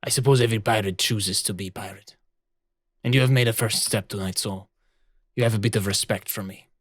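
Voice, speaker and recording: A man's voice: fairly low pitch, fairly even intonation, a little fast, no echo, studio quality, pitched below the performer's own voice, natural voice. Man doing a proud Spanish-accented naval woman. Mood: lecturing. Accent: put-on Spanish accent. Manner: earnest, lecturing about honor. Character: proud honor-obsessed woman naval officer. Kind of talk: improvised tabletop role-play.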